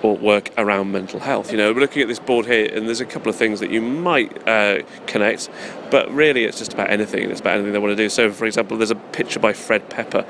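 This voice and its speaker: A man's voice: on the low side, fairly even intonation, fast, vocal fry, few pauses. A man with a British accent giving a casual, enthusiastic, rambling interview as an event organiser. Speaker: festival organiser, interview guest. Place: busy public exhibition space in city centre. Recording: noisy public space, urban background din. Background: people and urban ambience.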